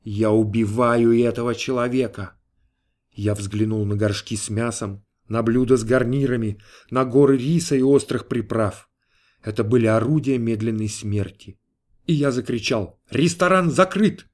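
A man reading a story aloud in a measured, even storytelling manner. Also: mid-range voice. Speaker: audiobook reader. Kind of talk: scripted narration.

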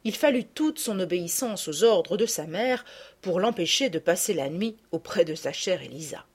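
A woman narrating a classic children's story aloud in an expressive reading style. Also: on the low side, normal speed, breathy edge. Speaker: audiobook narrator.

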